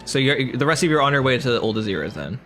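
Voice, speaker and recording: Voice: medium pitch, big pitch swings, fast talker, a bit bright, faint music behind. A game master running a tabletop game in a loose, laughing way, often restarting sentences.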